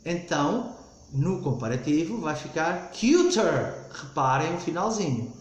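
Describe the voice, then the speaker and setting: A man teaching English grammar in a recorded lesson, explaining slowly and repeating himself with frequent "ok?" checks. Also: on the high side, big pitch swings, very echoey.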